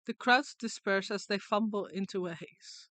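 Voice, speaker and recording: A woman's voice: mid-range voice, moderate pace, fairly bright tone, dry recording. A woman streamer giving casual game commentary and reading story narration aloud with dramatic flair.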